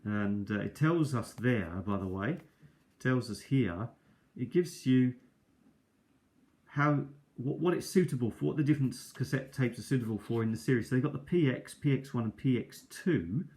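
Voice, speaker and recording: The host of a cassette review video talks at a moderate pace in a medium-pitched, darkish voice. Sitting indoors at a kitchen table, he does an unscripted, casual show-and-tell, wandering off track and fixing his own words often, captured by a tablet's built-in microphone.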